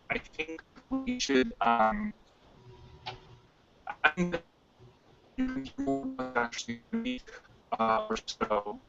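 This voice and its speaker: A man talking in an online meeting from his phone, halting and hesitant with many fillers, his audio choppy and breaking up. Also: high voice, gravelly. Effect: choppy, breaking-up call audio. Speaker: meeting participant. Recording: dull lo-fi phone call.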